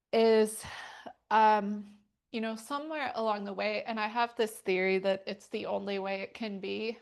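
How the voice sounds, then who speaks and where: Woman, middle-aged, yoga teacher, casual rambling class talk, level even pitch, frequent fillers. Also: gravelly. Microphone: wearing a microphone.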